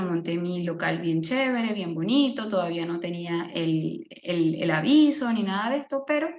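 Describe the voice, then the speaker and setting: A woman's voice: mid-range voice, reverberant, highs cut off. Earnest Venezuelan woman in her thirties. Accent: Venezuelan, from Maracaibo. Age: 30s. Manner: earnest, faith-filled, with frequent fillers and restarts. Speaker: speaker giving a testimony on a live online session. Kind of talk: personal testimony presentation.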